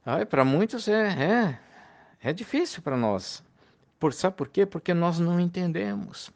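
Gravelly-voiced man preaching earnestly. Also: high-pitched, animated, unhurried. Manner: earnest, pleading, heartfelt. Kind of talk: recorded sermon to fellow believers.

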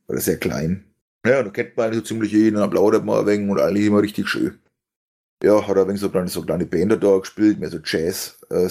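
A young man, his low voice rough with gravelly fry. He tells long, rambling stories in a loose chat, stumbling over fillers and breaking into laughter. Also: darkish tone. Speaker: stream host telling a story. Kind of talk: casual storytelling chat.

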